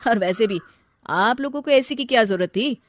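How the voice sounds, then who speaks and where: A woman's voice: fairly high pitch, animated, moderate pace, natural voice. Woman doing a firm young man. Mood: lecturing. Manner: firm, lecturing. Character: firm young husband and son.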